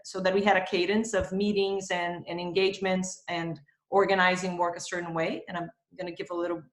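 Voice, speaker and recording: This interview guest, a thirtysomething marketing executive from Brazil, speaks by video call from her home in Spain, reflective and heavy on fillers. She has a low-leaning, level voice and talks fairly quickly, with a roomy sound.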